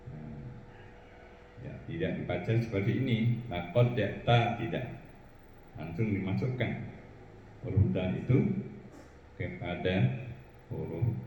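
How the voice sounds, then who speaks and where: A man teaching Quran recitation rules, explaining slowly and breaking into drawn-out chanted examples. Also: deep voice, a little mellow, slight background noise. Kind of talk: tajwid lesson with chanted examples. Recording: roomy hall echo.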